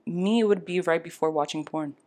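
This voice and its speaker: A woman's voice: on the low side, fairly quick, a little mellow. Laughing, candid woman podcast co-host. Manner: laughs often, candid and playful. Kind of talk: casual chat.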